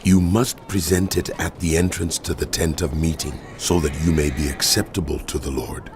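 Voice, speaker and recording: A man voicing a solemn, commanding God in a dramatized Bible reading, speaking in measured, declarative biblical narration. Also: rumbling low, noisy background. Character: God, solemn commanding male deity giving laws. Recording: music behind the voice. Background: background music.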